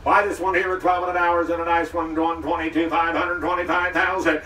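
A man working as an auctioneer, calling bids in a rhythmic rolling chant with quick sales patter into a handheld mic at an outdoor farm sale. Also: fairly high pitch, little pitch movement, sharp tone, distant mic. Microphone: handheld microphone. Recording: roomy sound from off-mic.

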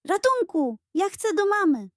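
Voicing a cowardly little koala from a bedtime storybook, a woman uses a very high, shaky, sing-song voice packed with panicky squeaks and moans. The clumsy, easily frightened character squeals in terror at a measured pace, a full character voice recorded close up and dry with no echo.

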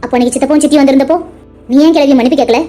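Woman doing a young cartoon wife, high and fast, sweet but teasing. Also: steady tone, mellow, soft background music, close to an everyday voice. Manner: soothing and teasing. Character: young wife, warm and playful. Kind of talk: cartoon voice acting.

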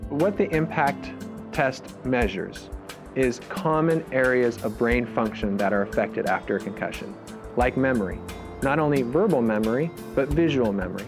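Man explaining concussion testing calmly. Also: medium pitch, moderate pace, over music. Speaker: athletic trainer giving concussion tests. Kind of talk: interview and explaining results.

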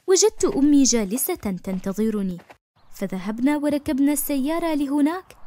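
A woman narrating a first-person story for an animated cartoon in an expressive, emotive way. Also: high-pitched, dry recording.

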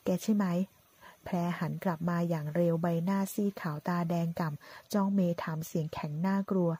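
A woman narrating a drama story in a steady storytelling voice, voicing every part herself. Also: on the low side, a little fast, husky. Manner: reads all parts in one voice, quoting lines with light shifts.

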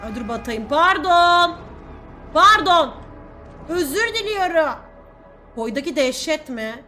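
A woman's voice: high-pitched, lively intonation, takes it slowly, sharp tone, soft background music. A woman streaming a video game, joking, swearing and taunting the characters in casual commentary. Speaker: gameplay streamer. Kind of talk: casual let's-play commentary.

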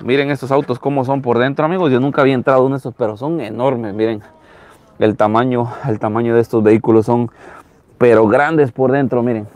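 Man, thirties, Latin American Spanish accent. Casual live-stream host, chatty and repetitive, mid-pitched, recorded outdoors on a handheld phone. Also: fairly even intonation, a little fast, darkish tone. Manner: chatty, repeats phrases. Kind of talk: casual live vlog commentary, showing used cars. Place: outdoors in an open car lot. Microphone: handheld phone at arm's length.

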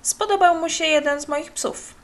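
Unhurried street-poet dog dealer, dry, evasive, woman reading the part, storybook. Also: extremely high pitch, pitched above the performer's own voice.

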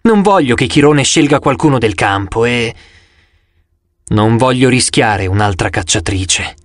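Male narrator playing a grave huntress leader, measured and stern, dry close sound, storybook. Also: medium pitch, lively intonation, no echo, close to an everyday voice. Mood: troubled. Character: stern young huntress leader, old-fashioned speech.

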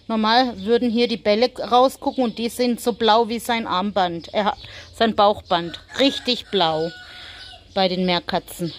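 A German woman vlogging casually on a small farm, chatting and cooing at her animals and kids. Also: mid-range voice. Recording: faint farmyard noise, chickens.

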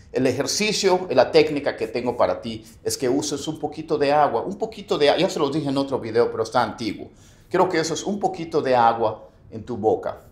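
Spanish-speaking man teaching pronunciation, echoey room. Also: medium pitch. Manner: animated, demonstrates words in English by saying them wrong and right. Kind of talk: casual video lesson with app promotion.

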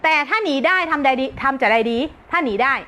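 A woman's voice: high voice, animated, quick pace, pushed and bright. A woman teacher giving a brash, joking live-stream self-help talk, often breaking into laughter.

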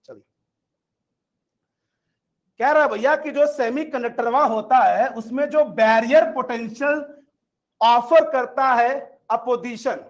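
A man lectures an exam-prep class in a very high voice. He is chatty and coaxing, calling his students "beta" and "bhaiya". The recording is dull and lo-fi. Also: slow pace, pauses often. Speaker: exam coaching teacher.

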